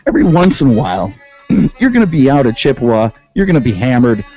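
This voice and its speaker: A sarcastic man hosts a comedic radio segment, reading out rules and riffing on them. His voice is mellow and swings widely in pitch. The sound is dull and lo-fi, with faint music underneath. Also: sing-song, fast, husky. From Western New York. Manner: sarcastic, reads rules aloud and riffs on them. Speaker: radio show host. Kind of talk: comedic commentary.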